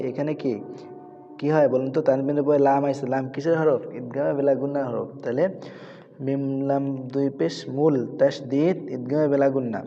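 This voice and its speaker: A man teaching Quran reading in a madrasa, spelling out letters and slowly chanting each verse. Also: mid-range voice, vocal fry. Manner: slow drawn-out chanting of verses, then quick spelled-out rules. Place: madrasa with children's noise around. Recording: lo-fi with long hall reverb.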